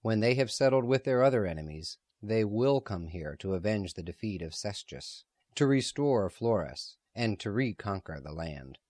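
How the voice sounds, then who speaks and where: A man's voice: fairly low pitch, expressive, darkish tone, no echo. A man reading as a grave, cautious elder. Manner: grave, measured. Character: grave, cautious man, gloomy about war.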